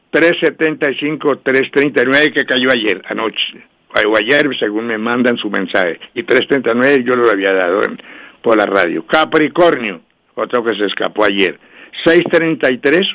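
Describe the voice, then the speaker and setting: A man hosts a radio call-in program and reels off lottery numbers for each star sign. He talks in a brisk, repetitive patter, then slows right down so listeners can write each number down. His voice sits at a middling pitch for a man. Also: a bit bright. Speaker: radio host and numerologist. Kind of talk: radio call-in show, dictating lucky numbers.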